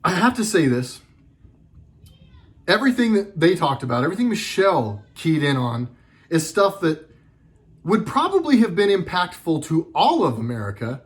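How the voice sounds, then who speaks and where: A middle-aged man delivering a sarcastic, heated political commentary monologue with lots of emphasis. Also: on the high side.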